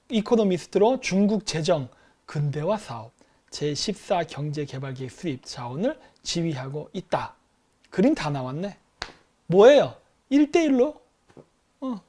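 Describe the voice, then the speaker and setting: A man's voice: sits high, warm tone. A middle-aged man hosting a commentary show, lecturing animatedly and acting out quoted exchanges between countries. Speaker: host.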